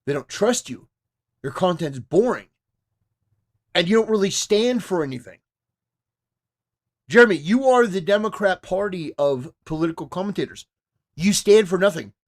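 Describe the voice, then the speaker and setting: A man with a notably high-pitched voice delivers live-stream commentary full of scorn. He talks straight at his target, confrontational and cutting. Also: expressive, moderate pace, pauses often.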